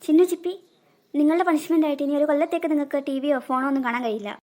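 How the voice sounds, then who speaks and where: A woman performs cartoon dialogue, scolding and expressive. Her voice sits high and her delivery is quick and lively. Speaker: cartoon voice actor, narrating several characters.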